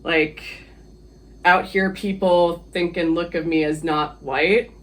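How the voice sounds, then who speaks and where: A man's voice: a little high, steady tone, slow pace, a bit bright. A man from the Philippines, a guest on an interview podcast, talking casually and hesitantly with many fillers and easy laughs.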